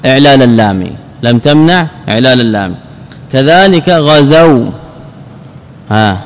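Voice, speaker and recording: A man teaching a grammar lesson, repeating word forms slowly and putting questions to himself before answering. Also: medium pitch. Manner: repeats words, drills forms, asks and answers own questions. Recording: long hall reverb.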